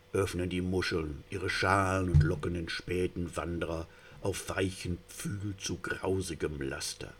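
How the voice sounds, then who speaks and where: A man narrating a story in a theatrical reading, moving between hushed and rising tension. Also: deep voice, husky.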